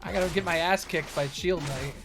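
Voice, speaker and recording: A man with a slightly high, brisk voice streams a video game, tossing out casual, joking commentary laced with swearing. Music plays clearly in the background.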